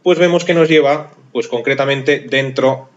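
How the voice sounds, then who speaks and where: The audio is lo-fi as a man with a mid-range voice, at a moderate pace, guides viewers through a programming screencast. Methodical in approach, he thinks aloud and jokes at his own expense about how he types.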